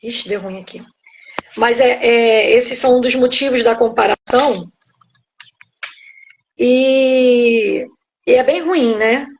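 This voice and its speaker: A woman's voice: a little high, slow pace, pauses often, slight background noise. A middle-aged woman pastor with a Brazilian Portuguese accent, giving a reflective devotional teaching from home over a phone on a live stream, checking in with her listeners as she goes. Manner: reflective, explains step by step, keeps checking in with "né?". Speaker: pastor and guest speaker.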